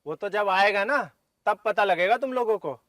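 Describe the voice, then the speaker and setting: एक युवा आदमी जो मेहनती बने गाँव के प्रधान के बेटे का किरदार निभा रहा है, हरियाणवी लहजे में सच्चे दिल से बोलता है।. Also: male voice, sits high, moderate pace, fairly bright tone. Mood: defiant. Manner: earnest, heartfelt. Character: reformed young village man, earnest and devoted. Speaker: headman's son, laborer. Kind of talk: rural comedy film acting.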